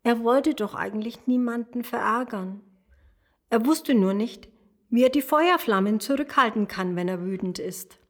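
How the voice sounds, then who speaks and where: A woman reading a children's story aloud, soft and expressive, addressing the young listener. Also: on the high side, moderate pace.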